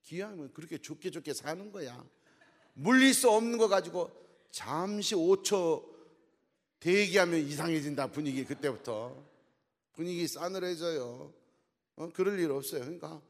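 A man preaching a joking sermon in a church, often asking the crowd "eh?" to draw them in. His voice is gravelly, with a fry at the ends of phrases. The long reverb of a large sanctuary trails behind his words. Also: on the high side, darkish tone. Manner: jokey, teasing, often asks the crowd "어?". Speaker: pastor. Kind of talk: humorous sermon to a congregation.

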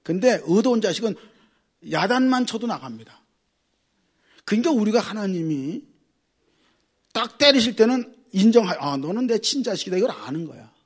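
Animated, husky-voiced Korean pastor preaching. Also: male voice, sits high, moderate pace, long pauses. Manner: animated, swings from loud exclaiming to quiet asides. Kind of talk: sermon.

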